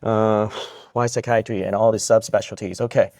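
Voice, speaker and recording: A man's voice: lowish voice, little pitch movement, normal speed, a little mellow. A man from Vietnam who works as a psychiatrist, giving a live question-and-answer talk to students, upbeat and joking, repeating each question back.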